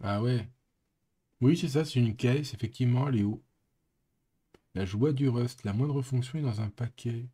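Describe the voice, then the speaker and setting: A man's voice: medium pitch, normal speed, long pauses, warm tone, slightly rough. A man streaming live coding, thinking aloud and muttering with playful sound effects. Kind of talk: casual live coding commentary.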